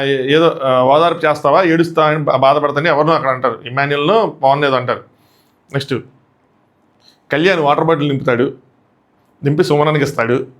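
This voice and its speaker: Male reality-show reviewer, Telugu accent, rapid animated delivery, slightly higher voice. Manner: animated, acts out contestants' quotes in shifting voices. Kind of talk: casual solo recap.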